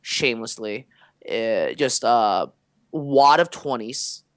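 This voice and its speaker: A young man co-hosting a podcast, telling animated, rambling stories in casual chat with lots of fillers. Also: medium pitch, slow pace, no room sound, studio quality. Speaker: podcast co-host.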